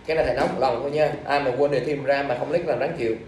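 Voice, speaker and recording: A man's voice: medium pitch, fairly even intonation, very fast, a little mellow, slight background noise. A male teacher, reviewing exam questions in class and quizzing students with repeated questions. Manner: scolding, drilling questions at students. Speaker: English teacher. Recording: echoey room from far off.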